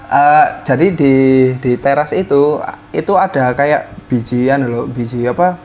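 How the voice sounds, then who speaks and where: A man's voice: mid-range voice, a little slow, a little mellow. A man, a guest telling a story in casual talk, hesitant and full of fillers and restarts.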